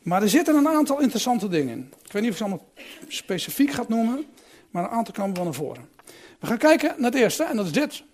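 A man's voice: high-pitched, sing-song, quick pace. A man reading a Bible passage aloud and then explaining it in a musing, conversational way with a few restarts.

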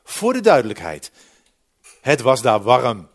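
Lively humorous preacher in his forties. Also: mid-range voice, measured pace. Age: 40s. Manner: lively, humorous, swings from loud to quiet. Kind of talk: sermon with slides.

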